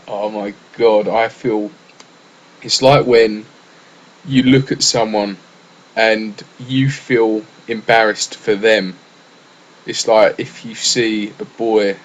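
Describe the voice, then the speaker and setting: A man's voice: lowish voice, rough recording. A young English man rambling casually through a solo gaming podcast, full of fillers and restarts. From England.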